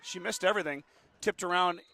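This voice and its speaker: A man with a sore throat does play-by-play for a local basketball game. His voice sits a little high and climbs as the action quickens. He speeds through the sponsor ads in between plays. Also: gravelly, pushed and bright. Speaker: play-by-play announcer. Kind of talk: local radio basketball commentary.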